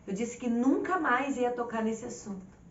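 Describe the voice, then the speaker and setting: Gravelly-voiced woman giving a heartfelt testimony. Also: on the high side, lively intonation, normal speed, slight background noise. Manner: intimate storytelling, acts out her own prayers. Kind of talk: emotional testimony sermon. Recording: roomy, distant, dull live recording.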